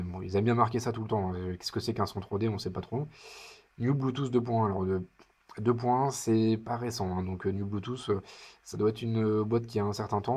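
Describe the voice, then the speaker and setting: A man's voice: fairly low pitch, a little mellow, husky. A man giving casual unboxing commentary in his living room, chatty and hesitant with wry asides. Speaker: product reviewer.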